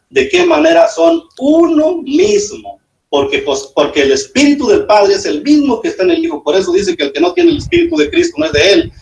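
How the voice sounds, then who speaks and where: A pastor debates with a hesitant delivery full of fillers, his somewhat high voice leaping up and down. He sounds like he is in a roomy, echoing space. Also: a little mellow. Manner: hesitant, many fillers, sudden rises in pitch. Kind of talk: spontaneous debate argument. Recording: echoey room.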